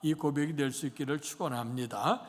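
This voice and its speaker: In a church sanctuary, a male pastor in his sixties preaches a Sunday sermon, rambling through an anecdote with plenty of fillers. His voice is a little high and his pace brisk, and the hall adds a long reverb.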